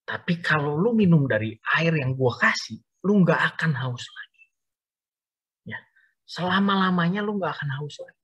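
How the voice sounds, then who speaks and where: Man doing a calm, knowing Betawi-slang man. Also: a little high, moderate pace, husky, lo-fi sound, pitched above the performer's own voice. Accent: Betawi Jakarta slang.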